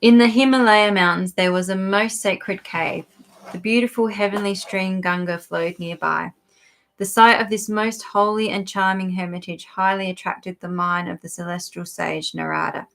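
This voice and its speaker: A woman co-hosting a podcast, reading a sacred text aloud in a steady voice and pausing to stumble over unfamiliar words. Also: medium pitch, gravelly, a little hiss or hum. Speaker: podcast co-host.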